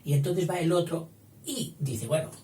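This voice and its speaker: A man's voice: a little high, animated, a little slow. A man teaching a grammar lesson, explaining patiently and checking in with a frequent "eh?". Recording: roomy echo, distant mic, faint hiss.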